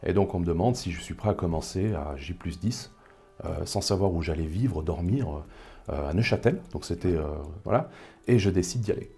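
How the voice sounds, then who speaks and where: With soft music in the background, a man speaks at a moderate pace in a low, dark, husky voice. He's in his thirties and from the Paris suburbs, a casual interview guest who is thoughtful but hesitant, leaning on frequent fillers.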